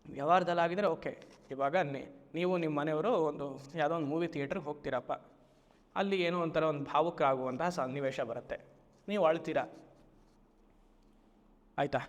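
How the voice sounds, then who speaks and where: A man, a spiritual teacher giving a Vedanta discourse, who stretches key phrases slowly and keeps asking his listeners rhetorical questions. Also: on the high side, in a large hall. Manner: slow, drawn-out emphatic phrases and frequent rhetorical questions.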